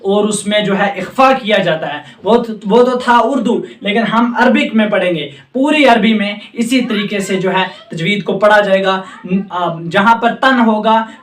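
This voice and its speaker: A man's voice: high voice, measured pace, a bit bright, distant mic. A man from Jammu and Kashmir teaching Quran recitation rules at a board, patiently drilling each sound and repeating reminders. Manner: patient, repetitive drilling of sounds, often says remember. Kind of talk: tajweed lesson at a board. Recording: echoey room, speaker away from mic.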